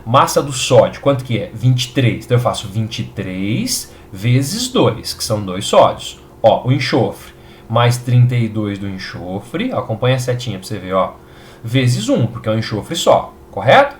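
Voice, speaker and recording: A Brazilian man gives a recorded chemistry lesson in an upbeat, reassuring way, checking in with his students often. His pitch swings widely and animatedly as he explains. A faint hum of background noise sits under his voice. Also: big pitch swings, normal speed. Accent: Brazilian Portuguese. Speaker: chemistry teacher.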